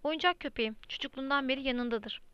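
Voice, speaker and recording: A stubborn, rowdy teenage boy from an audiobook, as a woman reads him. The voice is smooth and a little high. The recording is dry and slightly muffled. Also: fast, sharp tone, no room sound.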